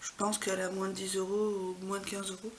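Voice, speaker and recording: A woman beauty vlogger, soft-spoken, walking through makeup swatches in a casual way at home and often dropping to a near whisper. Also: medium pitch, level tone, fast talker, background noise. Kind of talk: casual product swatch walkthrough. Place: home apartment.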